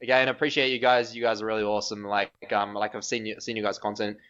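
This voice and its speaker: A man's voice: lowish voice, little pitch movement, fast talker, a bit bright, clean tone, muffled recording. A man with a New Zealand accent, a podcast guest chatting casually in a laid-back, slangy way. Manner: laid-back slangy talk, says bro and eh. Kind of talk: casual chat.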